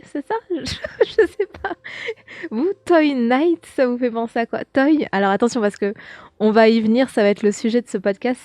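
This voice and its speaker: A woman's voice: on the high side, darkish tone, dry recording. A young woman hosting a podcast, chatting casually as she reads out viewer comments, with lots of fillers and restarts. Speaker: podcast host.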